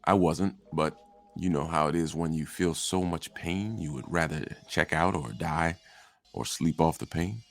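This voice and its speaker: A man with a very low voice tells a story in the first person. He swings between hushed asides and sudden bursts for the quoted lines, and soft music plays faintly under him. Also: unhurried. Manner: dramatic, swings from quiet asides to shouted quotes.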